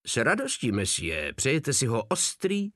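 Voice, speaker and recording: A man's voice: mid-range voice, wildly swooping pitch, fairly bright tone, dry recording, studio quality. A man doing a meek, mousy waiter. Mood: servile. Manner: meek, overly polite. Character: skinny, timid, mousy male waiter.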